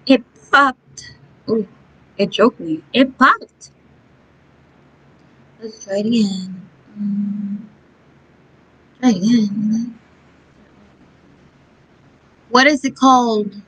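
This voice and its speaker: A woman's voice: fairly high pitch, takes it slowly, long pauses, fairly bright tone, husky. A young woman chatting casually and playfully to herself and her dog during a live stream while she practices a song at home. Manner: slangy, playful. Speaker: livestreamer learning a song. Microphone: phone or laptop mic for a live stream. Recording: dull lo-fi live-stream audio. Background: faint ukulele plucking.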